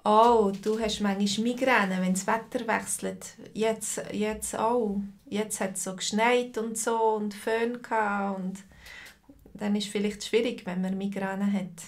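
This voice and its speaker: A woman's voice: medium pitch, steady tone, slow pace. A woman teaching a live online language lesson over a video call, patiently greeting students by name and asking how they feel.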